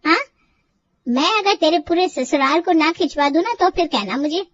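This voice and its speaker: A woman's voice: very high-pitched, animated, normal speed, fairly bright tone, dull audio, pitched above the performer's own voice. A woman voicing a bold middle-aged mother in a cartoon story, talking in a brash, self-assured way. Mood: boastful.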